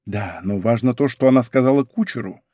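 A man voicing a loyal aide in a historical audiobook, speaking with hurried worry. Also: mid-range voice, mellow, no echo, clean studio sound, voice pushed down, close to an everyday voice. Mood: worried. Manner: hurried, worried. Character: loyal male aide, urgent and worried.

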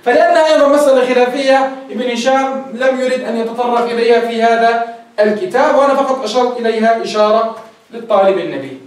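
A man's voice: very high voice, quick pace. A man who teaches a grammar lesson as a sheikh and keeps checking with his students, asking and answering his own questions. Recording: echoey room, voice far from the mic.

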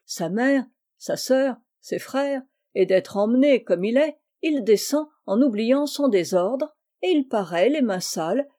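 A woman narrating a classic children's story as an audiobook, in a measured, expressive manner. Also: medium pitch.

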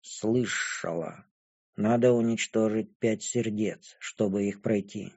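A gloomy young dragon-woman speaks in a hushed, toneless murmur, as a male audiobook reader puts her on. Her voice sits low, dark and muffled. She drags out every word with cold indifference. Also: husky, full character voice. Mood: flat detached. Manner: flat, indifferent, hushed and slow. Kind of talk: audiobook character voice.

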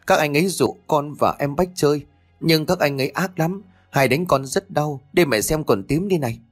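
A man voicing a frightened, tearful little boy, who speaks in a high, pleading, sobbing voice. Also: moderate pace, faint music behind, close to an everyday voice.

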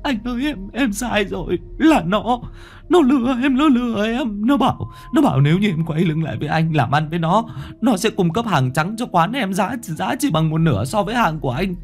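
A terrified young thug, as a male storyteller puts him on, stammering and whimpering in a strained high pitch that jumps all over. Faint music plays behind him in this spoken horror story. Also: expressive, fairly quick. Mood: panicked.

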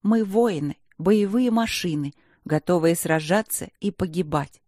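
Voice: mid-range voice, measured pace, darkish tone, no echo, studio quality, lightly acted. A narrator voicing a young, proud female werepanther student in a fantasy audiobook, sassy and indignant. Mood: earnest. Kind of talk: audiobook character voice.

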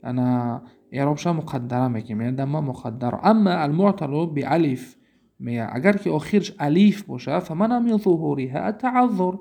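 A man with a Tajik accent teaches grammar in a recorded lecture, his voice gravelly and fairly high-pitched. His tone is dark and mellow. He works through each point by asking a question and then answering it himself. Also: expressive. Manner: explains step by step, asks and answers his own questions.

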